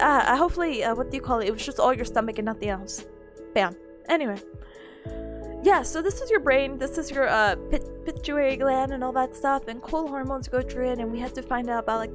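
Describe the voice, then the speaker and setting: A young woman streamer chatting casually on a study livestream in a cute anime-girl voice, giggly, animated and rambling. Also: sits high. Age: young adult.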